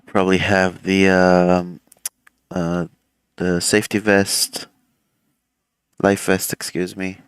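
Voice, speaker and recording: Taking it slowly and pausing often, a pilot streams a flight simulator session, chatting in a relaxed, filler-heavy, rambling way while he runs cockpit checks. His low voice is clear and resonant despite a slightly swollen throat, in a dry recording.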